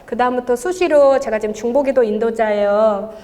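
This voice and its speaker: A woman with a fairly high voice tells her testimony at a church service, in a lively storytelling way with frequent laughter. Her voice rings with the long reverb of a large church hall. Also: brisk. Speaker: intercessory prayer leader giving testimony. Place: church sanctuary.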